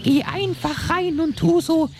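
A woman's voice: extremely high pitch, fairly even intonation, unhurried, darkish tone. A woman playing a scheming, scornful inner alter ego in an audio drama, bossy, mocking and insistent. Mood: mocking, conspiratorial. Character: scheming, scornful female alter ego who goads and manipulates. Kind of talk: German audio drama acting.

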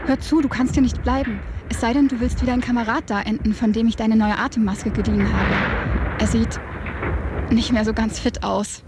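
A woman's voice: fairly high pitch, fairly even intonation, normal speed, heavy background noise, lightly acted. An actress playing a cheeky, unfazed tribeswoman in an audio drama, with a casual, mocking manner. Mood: brisk, helpful. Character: cheeky, unfazed tribeswoman, teasing but helpful rebel.

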